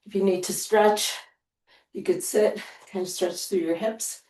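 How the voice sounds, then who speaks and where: A woman leads a live strength workout as a fitness instructor, counting reps aloud, reassuring people to go at their own pace, and often sighing between sets. Her mid-range voice is steady, unhurried, and a little mellow. She is far from the mic, so the sound is roomy.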